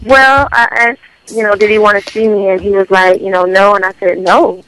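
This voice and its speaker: A woman's voice: mid-range voice, steady tone, moderate pace, fairly bright tone, a little hiss or hum. Woman calling in to a radio show. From Florida. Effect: phone line into a radio show. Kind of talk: casual chat.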